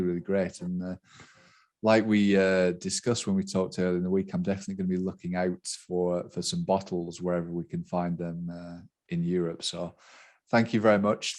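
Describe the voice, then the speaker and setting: Male event host on a video call, very low voice, casual and loose. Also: a little mellow. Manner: loose, filler-heavy talk. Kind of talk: casual live-stream hosting.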